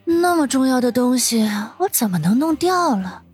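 A man's voice: very high voice, sing-song, moderate pace, breathy edge, soft background music, voice pushed up, exaggerated voice. A man voicing a drunk young woman who mumbles drowsily in her sleep, for an audiobook. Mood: smug. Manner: drowsy slurred sleep-talk. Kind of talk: audiobook character voice.

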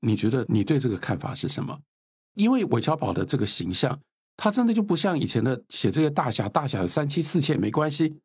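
A man in his fifties, an author and lecturer, speaking in an earnest, animated lecturing way as an interview guest. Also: mid-range voice, fast talker, slightly rough, no room sound, clean studio sound. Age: 50s. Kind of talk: reflective interview talk.

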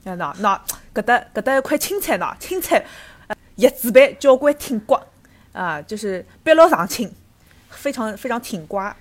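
A woman's voice: on the high side, big pitch swings, normal speed. A woman with a Shanghainese accent, chatting casually as a dialect teacher and co-host. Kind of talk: casual language-lesson chat.

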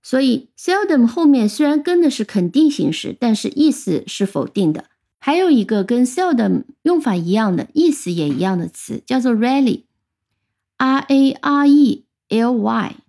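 Warm-toned female teacher, patient, spells words out letter by letter. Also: on the high side, very animated, moderate pace, gravelly. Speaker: English teacher. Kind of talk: vocabulary lesson.

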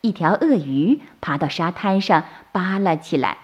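Woman, children's bedtime storyteller; slow, lively intonation. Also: on the low side, husky, highs cut off. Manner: slow, soothing and expressive.

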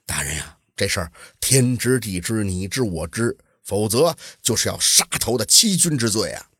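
A man storyteller voicing a calm, wise master jade carver who speaks low and softly. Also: husky, dry recording, studio quality, full character voice. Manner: low, unhurried and soft.

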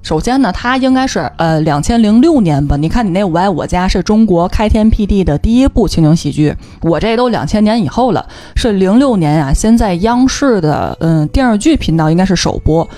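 Woman, medium pitch, casual podcast banter, jokey, from Tianjin. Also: lively intonation, fairly quick, few pauses, warm tone. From Tianjin, China. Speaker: podcast co-host. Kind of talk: casual chat.

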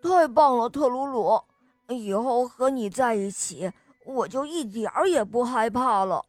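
A woman voicing a small, timid mouse in a children's story, squeaky and excitable, stammering when scared. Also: unhurried, dry recording, faint music behind. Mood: admiring. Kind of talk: storybook character voice.

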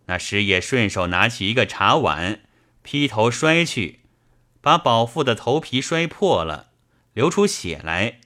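A man reads a classic novel aloud for an audiobook, his delivery measured and expressive. His voice sits on the low side.

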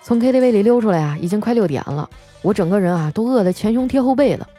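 A young woman tells comic stories as a radio host. Her delivery is wry and deadpan, and her voice sits at an ordinary middle pitch. Soft music plays faintly behind her. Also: fast talker. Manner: wry, deadpan punchlines with playful quoted voices. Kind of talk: comic storytelling monologue.

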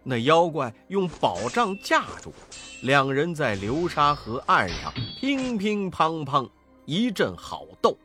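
Male storyteller for children, slow and lively in pitch, faint music underneath. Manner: slow, expressive, dramatic storytelling.

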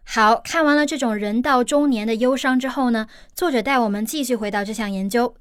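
A woman's voice: on the high side, a little fast, dry recording, studio quality. A woman teacher explaining an English news article in steps, with everyday examples.

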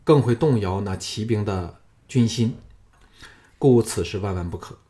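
A man playing a calm, steely general. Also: fairly low pitch, unhurried, lightly acted.

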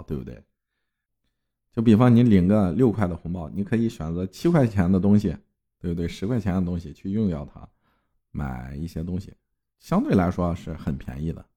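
A male podcast host who narrates a ghost story in an expressive reading voice and also reads an ad in a relaxed, chatty way. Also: deep voice.

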